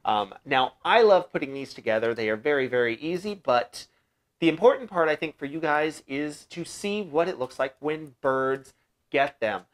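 A man's voice: a little high, expressive, normal speed. Young man hosting a pet-care vlog. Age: young adult. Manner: friendly and explanatory, many "uh" fillers. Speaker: bird-keeping channel host. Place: small home room indoors. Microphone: lapel mic, seated facing camera.

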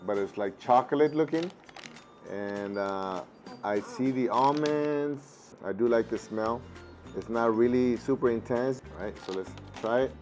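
A husky-voiced man in his thirties, still recovering from a lost voice, does an easygoing taste-test vlog at a table in a room at home, using a lapel mic with faint music behind. His medium-pitched voice is a little mellow and a little slow. As a food reviewer he thinks aloud with fillers and speaks Spanish to his kids.

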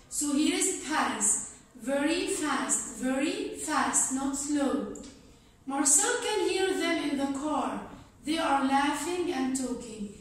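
A woman teaching English, reading a story aloud and explaining it slowly, repeating key words for learners. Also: high-pitched. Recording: very echoey, from a distance.

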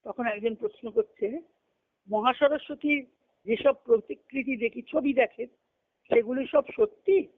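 Over muffled phone-line conference call audio, a woman leading a spiritual discussion reads a spiritual text aloud and explains it, repeating and rephrasing as she goes. Her voice is a little high and her pace measured.

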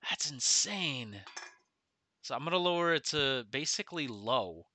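A man's voice: medium pitch, lively intonation, a little slow, sharp tone, a little hiss or hum. A middle-aged man chatting casually on a gaming livestream, talking a little oddly with his face half numb from the dentist. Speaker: game streamer. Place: small room at home, indoors.

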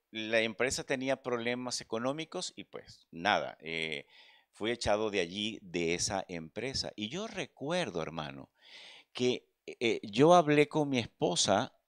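A man's voice: lowish voice, no echo. Earnest preacher man, dry close sound. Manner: earnest, addresses listeners as brother. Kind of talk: sermon with personal testimony. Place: church.

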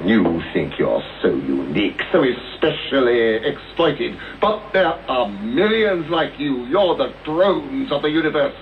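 An actor playing Sherlock Holmes in a radio play as an arrogant, brilliant British detective, pompous and precise. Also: male voice, mid-range voice, big pitch swings, measured pace, hardly any pauses. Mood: scornful. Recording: dull, hissy old radio tape recording.

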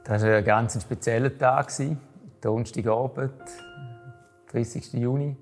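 A man's voice: mid-range voice, fairly even intonation, measured pace, over music. A man with a Swiss German accent, a running coach, talking earnestly in a documentary interview with some restarts.

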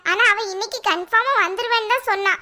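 Poomari, high bright cartoon wife, voiced by a woman. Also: quick pace, exaggerated voice. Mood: defensive. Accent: Tirunelveli Tamil. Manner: pleading, defensive. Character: defensive young wife Poomari, quick-tempered. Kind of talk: cartoon voice acting.

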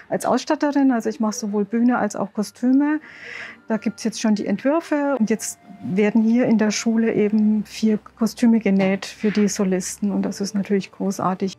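A woman's voice: medium pitch, dark tone. A woman, the stage and costume designer, pleasantly explaining her work. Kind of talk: interview statement.

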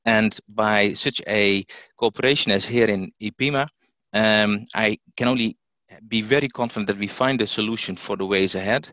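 A man delivers a fluent, formal summary as a webinar panelist. His voice is lowish but sounds bright and forceful. The sound is dull and lo-fi, close to the mic with no room at all. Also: normal speed, no echo. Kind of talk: webinar take-home message.

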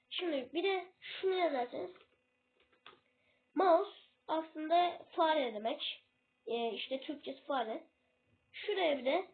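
A woman with a high voice explains English words in a casual video lesson. She hesitates and keeps losing her place, stopping to correct herself. Her voice comes through a thin, tinny, phone-like recording. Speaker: self-made English tutor.

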